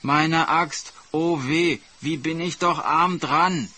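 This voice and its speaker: A man's voice: medium pitch, moderate pace, bright, forceful tone, husky. A man voicing an envious, scheming male woodcutter who grumbles and wails theatrically. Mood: fake wailing.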